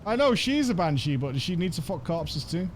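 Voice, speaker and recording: A man's voice: high-pitched, sing-song, brisk, slight background noise. A man giving casual, informal and sweary commentary while he plays a video game. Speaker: gamer narrating his playthrough.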